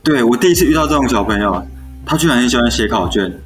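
An elementary school teacher in his twenties shares classroom anecdotes in a casual, animated way, acting out the lines people said. He speaks fast at a medium pitch with a Taiwanese Mandarin accent, and faint background music is audible.

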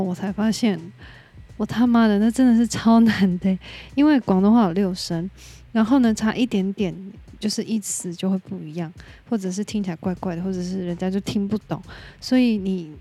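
A woman's voice: mid-range voice, normal speed, warm tone, no room sound. A woman with a Taiwanese Mandarin accent hosting a casual solo podcast, candid and opinionated, dropping in English words as she goes. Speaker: podcast host.

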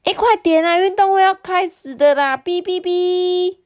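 A woman voicing a cheeky talking rice cooker who is a little girl, squeaky and teasing in a storybook. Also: moderate pace, faint music behind. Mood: playful.

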